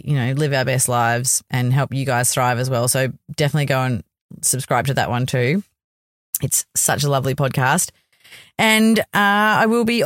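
A woman's voice: low voice, dry recording, studio quality. A woman hosting a podcast in an informal, rambling solo monologue, speaking earnestly and encouragingly to her listeners. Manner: effusive, encouraging. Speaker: podcast host.

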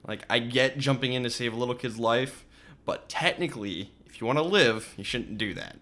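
A man's voice: mid-range voice, normal speed, a bit bright. A man co-hosting a podcast, casually recapping a horror film with wry asides. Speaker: podcast co-host. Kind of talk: casual chat.

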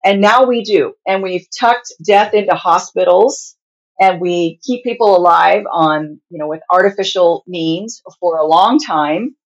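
Female interview guest, hospice nurse. Lowish, husky voice, explains plainly and conversationally, slightly dull recording. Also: a little slow.

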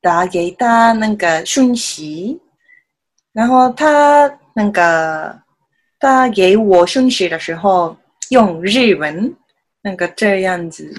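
A woman with a Japanese accent in her Mandarin speaks slowly at a medium pitch. She is a native Japanese speaker chatting as a guest, halting and repeating simple words as she puts her sentences together. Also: expressive. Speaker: podcast guest, self-taught Mandarin learner. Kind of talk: casual interview chat.

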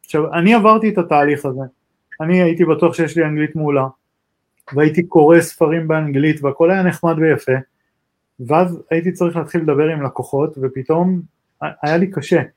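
High-pitched Israeli man, halting and conversational. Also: darkish tone. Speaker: talk co-host, tech entrepreneur. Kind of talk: casual podcast conversation.

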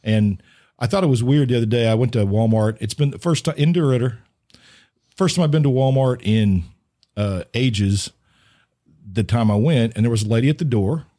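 A man's voice: medium pitch, normal speed, dark tone. A middle-aged man hosting a podcast, chatting casually and acting out the people in his stories. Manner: storytelling, acts out the people in his anecdotes. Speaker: podcast host.

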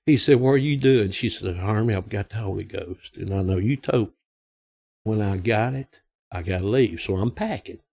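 A gravelly, husky, warm voice of fairly low pitch comes from a man in his sixties from Arkansas, speaking at a normal speed. As an interview guest, he tells rambling folksy stories in his Arkansas accent, doing the voices of the people he quotes.

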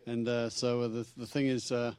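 A middle-aged South African man with a Texan accent, a visiting preacher in a church, delivers a chatty, humorous sermon and acts out his conversations with God. His medium-pitched voice is clear, resonant and a little mellow, with a level tone at a normal speed.

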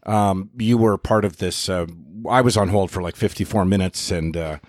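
A man's voice: deep voice, moderate pace, darkish tone, no echo. A man hosting a podcast in casual banter, with a dry, teasing, hesitant way of talking. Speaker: podcast host.

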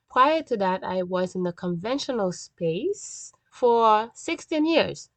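A middle-aged woman hosting a health podcast solo, talking emphatically and deliberately while crammed in a small closet without her usual mic. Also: mid-range voice, dry recording. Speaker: podcast host and functional medicine doctor. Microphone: makeshift, without the usual microphone.

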